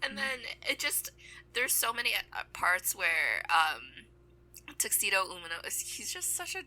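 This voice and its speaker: A woman's voice: mid-range voice, sing-song, a little slow, bright, forceful tone, low-quality recording. A woman co-hosting a podcast in casual chat, giggling as she retells scenes. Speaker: podcast co-host.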